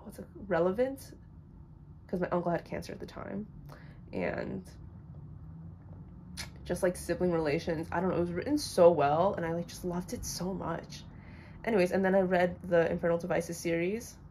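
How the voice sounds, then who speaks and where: A woman's voice: fairly low pitch, fairly even intonation, moderate pace, long pauses, mellow, a little hiss or hum. A young woman casually rambling through blunt opinions on books she has read, with lots of fillers. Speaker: book vlogger. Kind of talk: casual chat.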